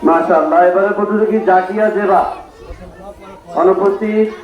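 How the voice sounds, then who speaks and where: A man's voice: high-pitched, fairly even intonation, moderate pace. A man announcing contestants at a school recitation contest, in brief, formal calls. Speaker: event announcer. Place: outdoor school event ground. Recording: roomy, dull sound with faint crowd.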